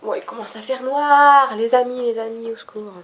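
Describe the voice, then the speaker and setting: A woman's voice: fairly high pitch, fairly even intonation, moderate pace. Chatty French beauty vlogger woman. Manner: chatty, scattered, self-mocking. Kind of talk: casual product review.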